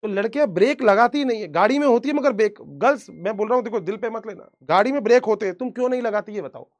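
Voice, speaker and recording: High-voiced joking male teacher. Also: expressive, fast talker. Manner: chatty, teasing, laughs often. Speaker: online biology teacher. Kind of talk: casual joking live class.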